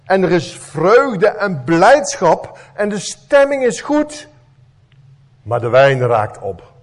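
A man's voice: high-pitched, big pitch swings, takes it slowly. A man preaching a sermon as pastor, retelling a story with dramatic rhetorical questions.

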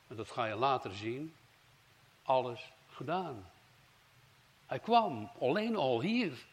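Fervent preacher, a man. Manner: fervent preaching, swings from loud emphasis to low hushed phrases. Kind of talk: sermon.

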